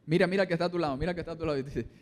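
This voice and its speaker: A high-pitched male pastor from Colombia preaches to his congregation, slipping into quoted voices and then rising again. His voice rings through the long reverb of a church hall. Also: very fast. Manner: preaching with acted-out quotes, dropping low and rising loud. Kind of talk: sermon.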